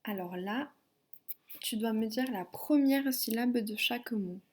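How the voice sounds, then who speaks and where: A woman teacher giving a phonics and spelling lesson to a child, dictating syllables slowly and clearly. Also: fairly high pitch, darkish tone. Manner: slow, clearly articulated dictation.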